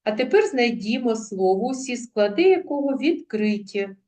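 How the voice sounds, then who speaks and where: A woman's voice: fairly high pitch, animated, moderate pace, a little mellow. A woman teacher giving a video lesson to young pupils. She speaks carefully and sounds out words syllable by syllable. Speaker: primary school teacher.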